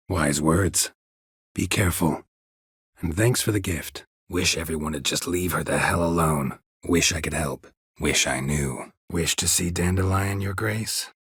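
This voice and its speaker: Close and dry, with no room sound, this recording captures a gruff fantasy-game monster hunter whose deep voice is exaggerated and extremely husky and gravelly. Weary of the world, he delivers terse, clipped, deadpan lines in a dry, muted mood.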